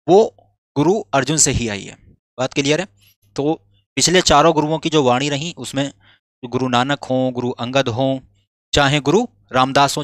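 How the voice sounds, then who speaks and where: A man's voice: mid-range voice, fairly bright tone, dry recording, studio quality. A male teacher giving an exam-prep history lecture, who keeps asking questions and answering them himself and checks whether his listeners have understood.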